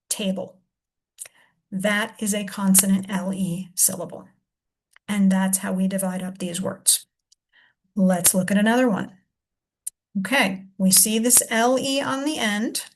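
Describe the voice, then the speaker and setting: A woman teaching a reading lesson, patiently sounding out syllables slowly and explaining each step. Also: mid-range voice. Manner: slow, deliberate sounding-out of syllables.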